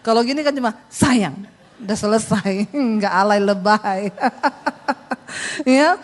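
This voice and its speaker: A woman's voice: mid-range voice, measured pace. A middle-aged woman pastor preaching a sermon, telling stories and acting out the people she quotes. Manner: lively, acts out quoted voices, laughs along with congregation. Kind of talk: sermon with storytelling.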